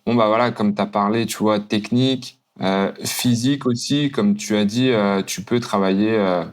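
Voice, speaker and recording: A man from France hosts a podcast, asking long, winding questions in a relaxed manner and padding them with fillers. His voice is on the low side. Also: moderate pace. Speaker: mental coach hosting a podcast. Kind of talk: casual interview questions.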